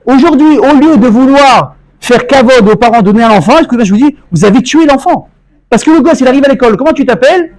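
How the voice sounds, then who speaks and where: High-pitched guy rabbi telling stories in a torah class, acts out the voices. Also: fast talker, poor audio. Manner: animated storytelling, acts out dialogue. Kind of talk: Torah lecture with anecdotes.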